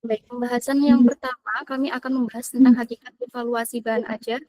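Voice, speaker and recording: A woman's voice: fairly high pitch, fairly even intonation, fairly quick, mellow, dry recording, poor audio. A young woman, a student, opens her group's class presentation formally and reads through the list of points. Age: young adult.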